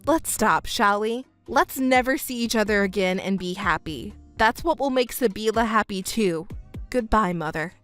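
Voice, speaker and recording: A woman voicing a composed young stepdaughter who speaks in a calm, cold, measured way. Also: medium pitch, faint music behind, close to an everyday voice. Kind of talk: narrated drama dub.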